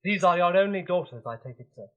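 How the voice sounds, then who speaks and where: A man's voice: sits high, animated, quick pace, dull audio. A man playing a stately young prince in a pantomime radio play, speaking in a formal, lordly way. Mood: regal.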